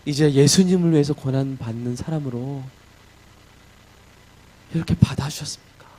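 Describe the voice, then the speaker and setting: A pastor voicing a hushed, humbled apostle in prayer. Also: male voice, mid-range voice, a little hiss or hum, close to an everyday voice. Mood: humbled, grateful. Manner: soft, slow, hushed prayer. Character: humbled male apostle praying in prison, grateful.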